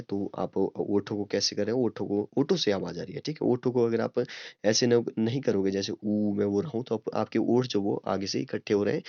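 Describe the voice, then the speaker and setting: A young male teacher with a fairly low voice walks through a grammar lesson step by step. He checks in with his listeners again and again and sounds out vowels to show them. The recording is dry and a little dull, made close to a desk microphone. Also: gravelly, a little mellow, dry recording. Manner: explains step by step, often repeats "ठीक है" and demonstrates sounds. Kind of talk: online Hindi grammar lesson.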